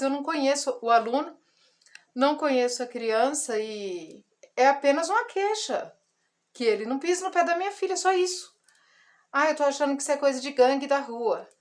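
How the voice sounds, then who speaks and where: A woman in her forties gives a personal testimony in a casual vlog, telling a story with emotion and acting out the dialogue. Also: high-pitched. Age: 40s. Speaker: ministry vlogger.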